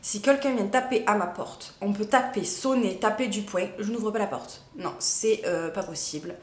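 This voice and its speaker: A woman's voice: mid-range voice, moderate pace. Young woman, chatty vlogger, hesitant fillers, roomy echo. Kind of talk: casual chat to camera. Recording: echoey room.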